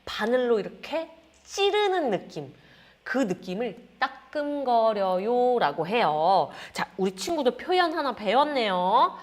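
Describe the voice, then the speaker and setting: A woman teaching a lively Korean lesson, acting out sensations with sound words and calling her students friends. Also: fairly high pitch, a little slow. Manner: animated, acts out feelings with sound words and gestures; addresses students as friends, frequent "자".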